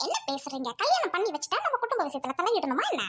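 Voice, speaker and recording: A woman acting a sharp-tongued, quarrelsome young bride in a Tamil audio drama, scolding her husband and his family. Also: extremely high pitch, wildly swooping pitch, very fast, heavy background noise, exaggerated voice. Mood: defiant.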